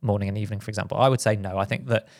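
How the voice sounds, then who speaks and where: Quick-talking British man co-hosting. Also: lowish voice, steady tone, dry recording, studio quality. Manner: quick, with frequent restarts and fillers. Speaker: podcast co-host. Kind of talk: casual podcast chat.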